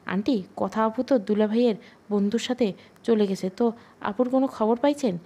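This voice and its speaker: A chatty, outspoken young sister-in-law in an audio storybook, read by a woman. She speaks frankly and quickly gets to the point. The voice stays mellow and dark. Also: on the high side, breathy edge.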